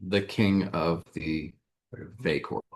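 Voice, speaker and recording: Slow, low-voiced male game master. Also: fairly even intonation. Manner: slow, halting narration with many fillers. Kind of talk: narrating a tabletop game.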